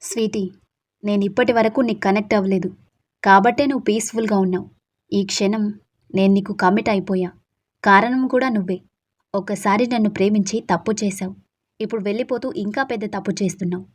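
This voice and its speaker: A woman voicing a brooding young male gangster who shouts possessive threats in an audio story. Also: mid-range voice, steady tone, brisk, pauses often, close to an everyday voice.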